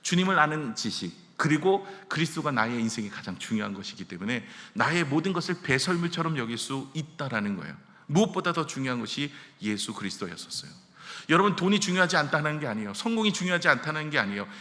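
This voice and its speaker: A man's voice: on the high side, quick pace. A male pastor giving a conversational sermon, often putting questions to the congregation. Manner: animated, addresses the congregation directly with questions. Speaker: senior pastor. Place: church sanctuary. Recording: echoey church hall reverb.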